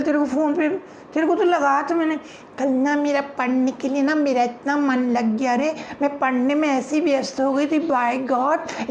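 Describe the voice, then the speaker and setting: A man's voice: creaky, a little mellow, muffled recording, slight background noise. A male comedian mimicking chatty young women friends gossiping at a street snack stall, in a stand-up act. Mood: gossipy. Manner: high-pitched, gossipy, fast back-and-forth chatter. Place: comedy stage before a live audience.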